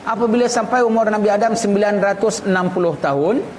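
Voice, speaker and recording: This is an Islamic teacher from Singapore, a man with a Singaporean Malay accent whose voice is high and whose delivery is fast. In his religious lecture he reads a text aloud, then unpacks it in casual, conversational language, repeating phrases and posing rhetorical questions. The recording has a noticeable echo and clear background noise.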